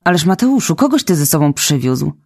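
A woman voicing a stern, practical middle-aged woman who speaks briskly and firmly. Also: low voice, big pitch swings, vocal fry, a little mellow, slightly rough, no echo, studio quality, heavily acted. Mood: indignant. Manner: brisk, firm.

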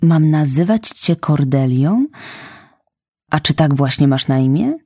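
A woman voicing a stern, practical middle-aged woman who speaks briskly and firmly. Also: deep voice, animated, dark tone, breathy edge, no room sound, studio quality, full character voice. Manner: brisk, firm.

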